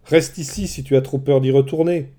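A man's voice: mid-range voice, fairly even intonation, a little fast, close to an everyday voice. A man voicing a determined hero and leader who speaks firmly, in a storybook reading. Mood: angry, resolute. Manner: firm, forceful.

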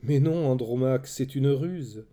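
A man's voice: mid-range voice, measured pace, mellow, lightly acted. A man voicing a desperate young prophetess whose warnings go unheard, pleading and crying out in a raised voice. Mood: urgent. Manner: frantic, pleading, rising to wild cries.

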